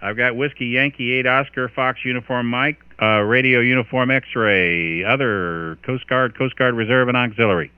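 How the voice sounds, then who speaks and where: An American man serving as a radio net controller makes marine radio-style calls using phonetic call signs, tossing in casual asides. He has a medium-pitched voice and talks at a moderate pace with hardly any pauses. The audio is a band-limited radio transmission, phone-quality and very noisy.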